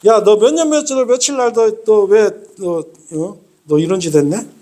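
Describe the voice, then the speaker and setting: A man's voice: high-pitched, moderate pace, warm tone, voice pushed up, lightly acted. A man playing a stern, mocking God who brushes off sinners, in a brusque tone. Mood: scornful. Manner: scornful, brusque.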